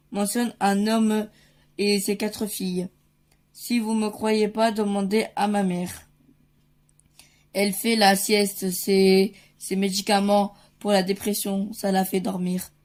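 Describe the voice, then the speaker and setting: A woman reading a comic book aloud at an unhurried pace, switching between the characters and adding playful sound effects. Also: medium pitch, darkish tone.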